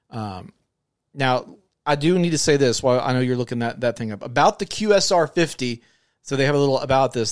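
A man co-hosts a podcast in natural unscripted talk. His voice sits at an ordinary male pitch and is recorded dry, with little room sound. He is jokey and casual, often turning to address the listeners directly. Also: no room sound. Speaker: podcast co-host.

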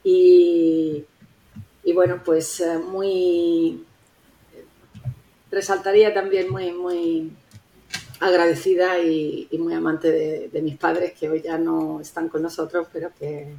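Woman guest talking slow and thoughtful, lots of little pauses, lowish voice, roomy echo. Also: little pitch movement, gravelly, warm tone, a little hiss or hum. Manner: unhurried, thoughtful, with many pauses and fillers. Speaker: podcast guest. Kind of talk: reflective interview talk.

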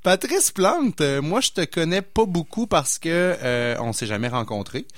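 A man's voice: on the high side, big pitch swings, a little slow, no room sound. A man with a Québécois accent hosting a radio interview, joking and playful with his guest. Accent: Québécois French. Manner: jokey, playful, laughs often. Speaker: radio show host. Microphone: studio microphone.

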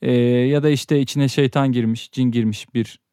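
A young man co-hosting a podcast, telling stories in an animated, teasing way. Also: medium pitch, moderate pace, smooth, dry recording, clean studio sound. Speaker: podcast co-host. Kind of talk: casual podcast chat.

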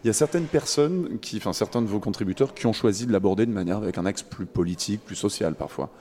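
A male radio host with a low, warm voice leads the conversation. He winds through his questions and keeps correcting himself as he goes. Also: animated, quick pace. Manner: rambling, self-correcting questions. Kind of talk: radio interview.

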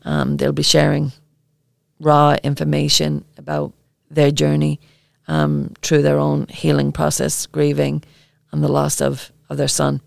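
A woman with an Irish accent co-hosting a podcast, talking earnestly and haltingly with many filler ums. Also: deep voice, monotone, gravelly, darkish tone, no room sound, studio quality. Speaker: podcast co-host. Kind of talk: casual podcast chat.

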